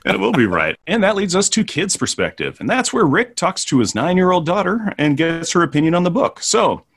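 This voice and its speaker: A man's voice: sits high, very animated, a little fast, gravelly, fairly bright tone. A man hosting a podcast in casual review chat, often asking and answering his own questions. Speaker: podcast host.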